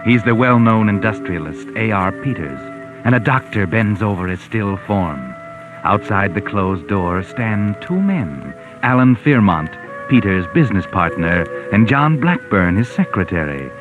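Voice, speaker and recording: Ominous night-walking storyteller, theatrical, deliberate, low pitch, muffled 1940s radio recording. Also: male voice, animated. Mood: grave, suspenseful. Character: sinister omniscient male narrator who walks by night. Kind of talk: 1940s radio mystery narration. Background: music.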